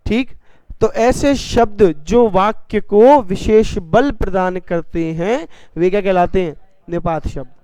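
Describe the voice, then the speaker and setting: A man teaching a classroom grammar lesson, dictating slowly and repeating phrases for students to write, with playful everyday examples. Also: sits high, a little mellow, smooth, no room sound. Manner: addresses students as "beta", jokey examples. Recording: dry, slightly dull classroom recording.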